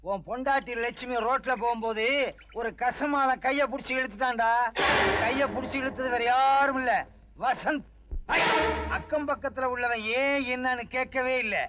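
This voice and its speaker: Brash slum hothead, high ringing voice, dull old film sound under music. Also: male voice, steady tone, normal speed. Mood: furious. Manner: loud, taunting, righteous scolding. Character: brash loud slum man, fiery defender. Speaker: slum man named Munusamy.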